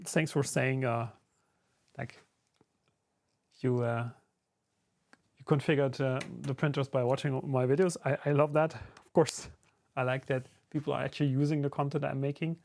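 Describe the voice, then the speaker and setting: A German man speaking English with a German accent chats casually on a live stream, answering his chat while building a 3D printed enclosure as a streamer and YouTuber. His medium-pitched voice moves at normal speed with long pauses, over slight background noise. He's relaxed and conversational, using lots of fillers.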